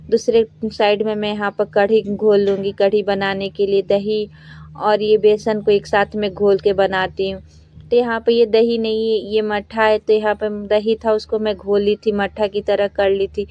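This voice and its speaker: Young homemaker voice-over, woman, flat homely chatter, mellow tone, dull lo-fi recording. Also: medium pitch, no echo. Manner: plain, homely, rambling chatter. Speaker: vlogger, homemaker. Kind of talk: casual voice-over narration.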